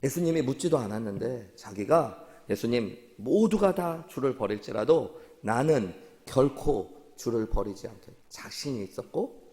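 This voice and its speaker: A man's voice: mid-range voice, animated, normal speed, dark tone. Pastor questioning his congregation. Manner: asks the congregation questions and repeats their answers. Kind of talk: sermon. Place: church sanctuary. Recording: long church hall reverb.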